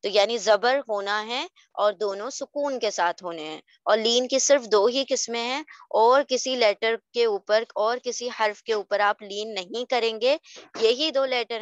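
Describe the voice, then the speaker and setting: A woman explains Quran recitation rules in a calm, patient teaching voice. She keeps stopping to check that her listeners understand. The recording is dry and a little dull. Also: medium pitch, dry recording. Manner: patient, often checks "okay?". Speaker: tajweed teacher.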